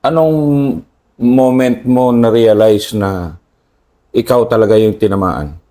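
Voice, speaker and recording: Low, warm-voiced Filipino interviewer. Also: male voice, slow. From Philippines. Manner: brief questions and short "mm" replies. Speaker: interviewer, military officer. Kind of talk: interview questions.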